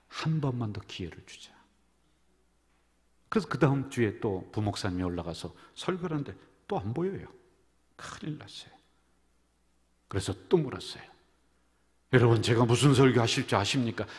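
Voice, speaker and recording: A man, the senior pastor, preaching a sermon full of jokes and stories, swinging from loud calls down to near whispers. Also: medium pitch. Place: church sanctuary. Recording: church hall reverb.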